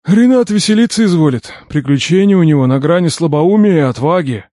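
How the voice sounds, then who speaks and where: A man's voice: on the high side, expressive, a little fast, dark tone, no echo, voice pushed up, lightly acted. A man reading an audiobook, voicing a stern middle-aged security chief who speaks in a dry, matter-of-fact way. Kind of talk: audiobook character voice.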